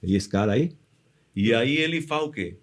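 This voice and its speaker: A man's voice: medium pitch, moderate pace. A man with a Brazilian Portuguese accent co-hosting a motivational podcast, telling stories and asking rhetorical questions in casual chat. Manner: animated storyteller, rhetorical questions. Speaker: podcast co-host.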